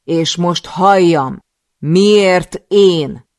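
A man's voice: fairly high pitch, steady tone, gravelly, dry recording, clean studio sound. Man voicing a furious vengeful woman assassin. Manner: shouting, raw anger.

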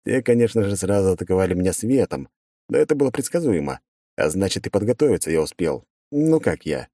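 A man reading a first-person audiobook in a brisk, wry storytelling manner on a close mic. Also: low voice, very animated, mellow, dry recording. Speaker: audiobook narrator.

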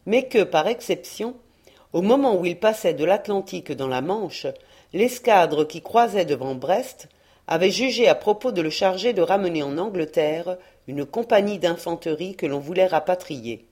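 A woman narrating a historical adventure novel in a measured, expressive reading voice. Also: fairly low pitch, slightly rough. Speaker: audiobook reader. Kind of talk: scripted narration.

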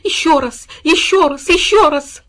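A woman voicing an excitable, devoted male dog in a storybook reading. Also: high voice, measured pace, pitched above the performer's own voice. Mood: ecstatic. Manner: yelping, overjoyed.

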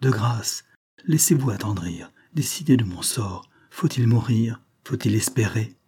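A man's voice: lowish voice, lively intonation, unhurried, warm tone, breathy edge, exaggerated voice. A man reading aloud as a young lover who declares his passion and pleads, in an impassioned way.

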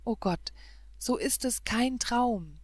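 A woman reads a sweet young girl with a fluting voice from a fairy-tale audiobook. She speaks tenderly, almost pleading. The delivery is slow, with a dry, close sound. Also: medium pitch, a little mellow, no echo.

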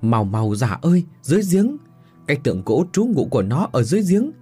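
A male storyteller voicing a young official who shouts anxiously to his friend. The voice is husky, with lively rises in pitch. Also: a little fast, faint music behind.

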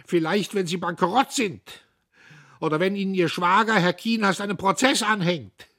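A man's voice: measured pace, husky. A man voicing a bitter old lamenting foreman. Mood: shrill. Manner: pleading and reproachful, rising to shrill anger.

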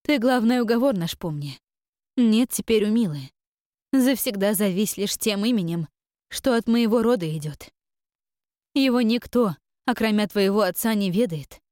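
A woman voicing a tender mother who gently and firmly comforts her frightened daughter. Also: medium pitch, animated, normal speed, no echo, studio quality, lightly acted. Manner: soft, soothing, quietly firm.

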